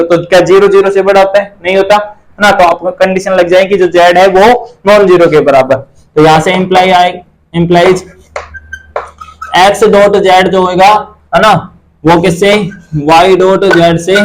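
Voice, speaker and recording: A man's voice: high-pitched, a little hiss or hum, low-quality recording. Hindi-speaking man teaching a math lecture. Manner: asks and answers his own questions, repeats terms.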